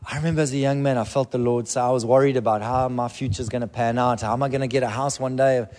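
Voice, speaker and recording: A man preaching a sermon with passion, slipping into the voices of biblical figures as he tells their stories. His voice, mid-pitched, rings out with long reverb through a large church hall. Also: steady tone, fast, darkish tone. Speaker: pastor.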